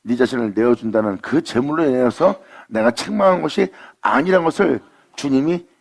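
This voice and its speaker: Gravelly, husky-voiced preaching man. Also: medium pitch. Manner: rising to fervent declarations, slows to intone scripture. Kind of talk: sermon.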